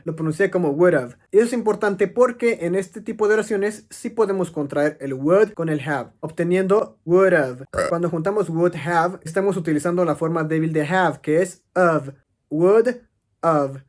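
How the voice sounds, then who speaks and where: A man teaching English grammar, explaining step by step and answering his own questions. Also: high-pitched. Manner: explanatory, asks questions and answers them himself.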